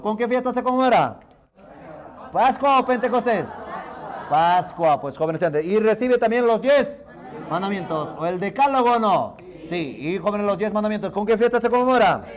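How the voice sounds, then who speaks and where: A male teacher from Peru leading an exam review class in a classroom, firing quick questions at his students and answering them himself in a lower voice.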